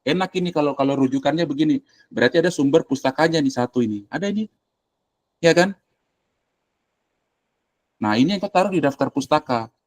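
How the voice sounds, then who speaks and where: Fairly high in pitch and a little fast, this man's speech is broken by long pauses, and there's no echo. A university lecturer, he tutors informally over a shared screen on a video call, blunt and colloquial, giving orders and musing aloud with each click.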